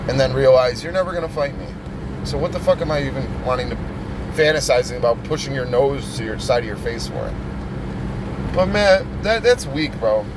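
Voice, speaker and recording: A man's voice: medium pitch, lively intonation, normal speed, noisy background. A man ranting in a confrontational, profane vlog, addressing someone directly. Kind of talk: angry rant vlog.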